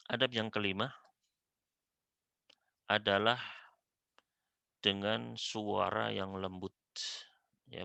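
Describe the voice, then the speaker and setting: A man teaching a religious study class, speaking in a measured way and reciting Arabic prayers slowly. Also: fairly low pitch, creaky, bright, forceful tone, no room sound, dull audio. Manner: measured teaching, fills pauses with a repeated affirming word.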